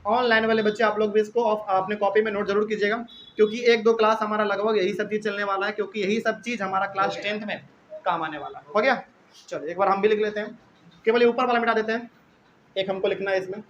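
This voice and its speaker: High, bright-voiced male chemistry teacher. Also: steady tone, highs cut off, slight background noise. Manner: repetitive, drawn-out, checks in with students. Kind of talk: classroom lecture. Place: classroom with live and online students.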